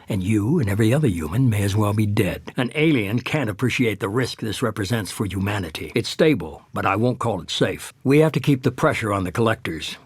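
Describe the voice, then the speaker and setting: An actor playing a calculating middle-aged male leader of a shadowy human-supremacist organization in a video game, speaking in a husky, measured, authoritative and persuasive way. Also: lowish voice, dry recording. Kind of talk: cinematic video game dialogue.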